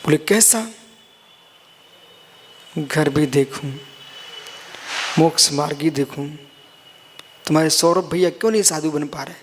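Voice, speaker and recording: High-voiced Jain monk preaching in a hall. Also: male voice, steady tone, a little slow, pauses often, slight background noise. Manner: explains scripture line by line, addresses listeners as son and brother. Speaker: Jain monk giving a discourse. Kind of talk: sermon.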